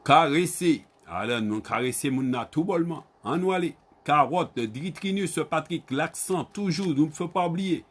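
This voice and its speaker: A man with a Guadeloupean Creole accent leads an online Creole lesson. His voice sits a little high, and he says each word over and over, slowly, then spells it out. He keeps calling on his students by name. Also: expressive, breathy edge. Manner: repeats words slowly, spells them out and calls on students by name. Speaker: Creole language teacher.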